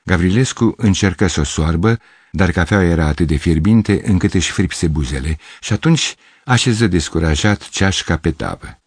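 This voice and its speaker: A man narrating a literary story as an audiobook, measured and expressive. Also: sits low, husky, no echo, studio quality. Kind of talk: audiobook reading.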